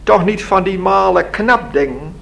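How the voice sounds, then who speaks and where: A man voicing a kind, modest old woman in her seventies, talking gently and homely. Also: high voice, lively intonation, slow pace, creaky, voice pushed up, full character voice. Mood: gentle.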